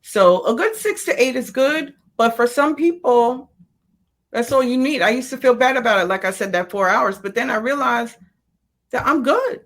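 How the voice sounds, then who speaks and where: A woman's voice: fairly high pitch, expressive, moderate pace. A middle-aged woman speaking casually as an interview guest, explaining things colloquially through personal examples. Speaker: sleep coordinator, interview guest.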